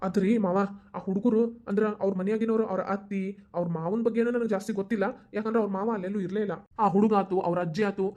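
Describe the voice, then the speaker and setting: Woman as a reassuring young man in a cartoon, North Karnataka accent, rapid delivery. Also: medium pitch, fairly even intonation, mellow, dull audio, close to an everyday voice. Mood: pleading. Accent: North Karnataka Kannada. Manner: coaxing, reassuring. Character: calm, persuasive young husband, a loyal friend. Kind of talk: cartoon voice acting.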